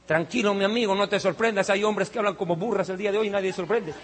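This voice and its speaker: A man preaching a sermon in a heated, mocking way, with sudden shouts. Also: high voice, steady tone, fast, husky.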